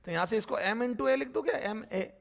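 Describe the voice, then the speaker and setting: Lecturing on physics at the board, a man calls his students "beta" and asks their questions only to answer them himself. His voice is high and creaky, with a fairly bright tone, and he repeats terms slowly as he writes.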